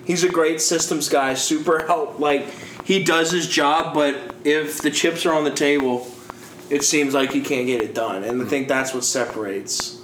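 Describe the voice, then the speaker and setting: A man's voice: on the high side, fairly even intonation, normal speed, fairly bright tone. Man, casual football chat, rambling, joking, roomy echo, faint hiss. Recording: echoey room with faint hiss.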